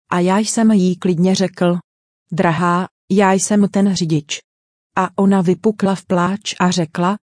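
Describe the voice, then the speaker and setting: A woman's voice: lowish voice, dark tone, dry recording, clean studio sound. A woman giving a dubbed sermon voice-over in an earnest, direct preaching manner.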